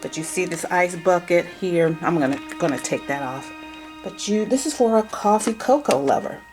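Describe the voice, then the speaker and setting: Over music, a lifestyle vlogger in a lowish voice with lively intonation presents her gift baskets at a normal speed. She films herself with a handheld camera and chats casually, often repeating things and leaning on fillers.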